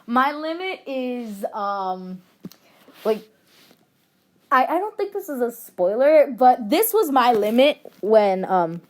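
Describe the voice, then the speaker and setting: Goofy, jokey woman with a higher voice. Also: sing-song, slow pace. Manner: goofy, jokey, quotes movie lines. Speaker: co-host on stream. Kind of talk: casual chat during a drawing stream.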